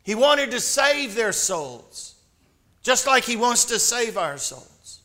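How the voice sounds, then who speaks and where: High, bright-voiced male preacher. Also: very animated. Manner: earnest, rhetorical questions, measured. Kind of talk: sermon.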